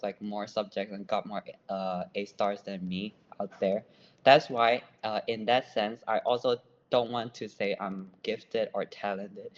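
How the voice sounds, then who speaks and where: Speaking with a Burmese accent, a young adult student from Myanmar responds to questions on a relaxed podcast, sounding unsure and poking fun at himself. The pitch is on the low side and the audio is dull.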